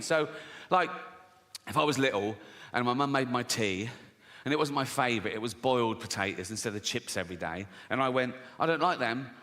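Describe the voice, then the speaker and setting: Sardonic stand-up comedian. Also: male voice, fairly high pitch, pushed and bright. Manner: provocative, sardonic, profane.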